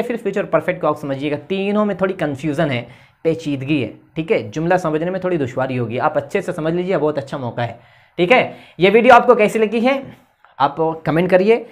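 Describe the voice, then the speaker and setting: A woman with a somewhat low voice teaches a grammar lesson at a board. She explains methodically, pausing after each step to check in, and spells words out letter by letter. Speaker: English teacher. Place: indoor classroom with a board.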